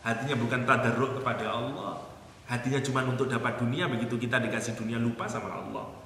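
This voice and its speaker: A man's voice: medium pitch, fairly even intonation, quick pace, a bit bright, a little hiss or hum. A man gives a conversational Islamic sermon. He jokes with the listeners and recites Arabic verses. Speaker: preacher. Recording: echoey hall with faint ambience.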